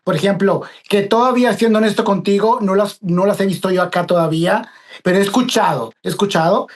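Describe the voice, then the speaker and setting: A man's voice: sits high, a little fast. A man with a Mexican accent hosting an interview, chatty and repeating himself as he builds each question. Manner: chatty, warm slang, repeats words as he asks. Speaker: interviewer, host.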